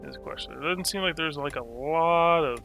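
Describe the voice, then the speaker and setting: A man's voice: a little high, a little fast. A man with a put-on French accent reading a game's narration aloud theatrically, dropping into casual asides as he plays. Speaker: gamer playing and reading a narrative game aloud. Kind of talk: video game playthrough, reading narration aloud. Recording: loud music behind the voice.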